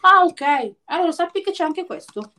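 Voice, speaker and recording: A woman's voice: very high voice, expressive, normal speed, pushed and bright. A woman chatting casually as co-host of a live stream, speaking colloquially with southern Italian street slang.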